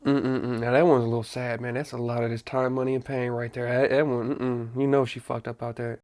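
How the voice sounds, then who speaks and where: A man's voice: mid-range voice, flat delivery, fairly quick, darkish tone. An American man giving casual, off-the-cuff commentary as a reaction host, blunt, profane and mocking in manner. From United States.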